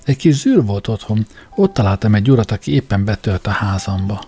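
A man voicing a cheerful, confident young man with a brisk, upbeat delivery. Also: on the low side, lively intonation, mellow, soft background music. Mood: eager.

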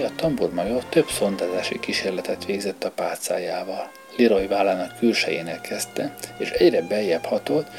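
A man narrating a story as an audiobook reader, in a measured storytelling manner, with music underneath. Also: sits low, creaky, a little mellow. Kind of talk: scripted narration.

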